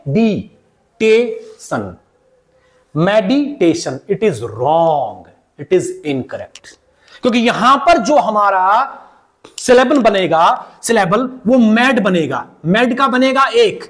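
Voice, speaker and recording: A man with a very high voice teaches pronunciation in an online lesson. He speaks slowly and repeats each word over and over as a drill, addressing his students fondly. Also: sing-song, a bit bright. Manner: slow, repeats words many times for drill; addresses viewers as "beta". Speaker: English teacher.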